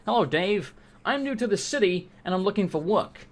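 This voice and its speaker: Animated, higher-pitched man doing gaming commentary. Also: normal speed. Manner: informal, sweary, joking. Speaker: let's play host.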